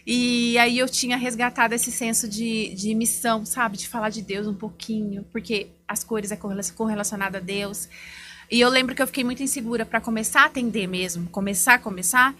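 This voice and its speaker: A woman giving a heartfelt, faith-filled testimony as an image consultant on a podcast. She tells her story in a lively way and acts out the dialogue she remembers. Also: on the high side, a little fast. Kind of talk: personal testimony in a podcast interview.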